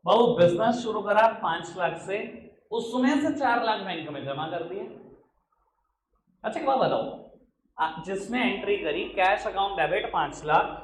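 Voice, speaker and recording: A man from Uttar Pradesh with a high voice lectures on accountancy in an echoey classroom, moving between Hindi and English. He chides and teases his students and slows right down to read each question in English. A faint hiss sits under the room. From Uttar Pradesh, India. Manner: chiding, teasing teacher who calls students "babu"; reads questions out slowly in English. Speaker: accountancy teacher.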